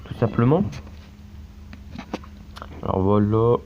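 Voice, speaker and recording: This time the Frenchman speaks slowly in a fairly low, expressive voice, still chatting loosely over his mobile gameplay with plenty of fillers and recurring tags. As a gaming YouTuber recording through his phone's screen-capture mic, the sound is dull and lo-fi, with faint hiss.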